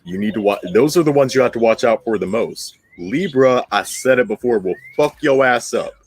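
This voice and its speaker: A man with a mid-range, expressive voice and a breathy edge speaks at normal speed, with no echo. He hosts an astrology commentary channel, partly reading and partly ad-libbing, bluntly and emphatically repeating phrases to drive points home.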